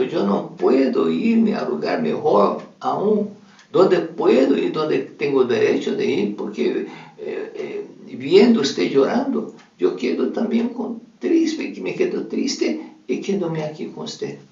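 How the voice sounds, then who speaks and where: A man's voice: on the high side, big pitch swings, slow pace, creaky, a little mellow, voice pushed up, heavily acted. A man voicing a departed young daughter pleading with her mother. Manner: pleading, insistent repetition. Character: deceased young woman consoling her grieving mother. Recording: roomy, dull recording from a distance.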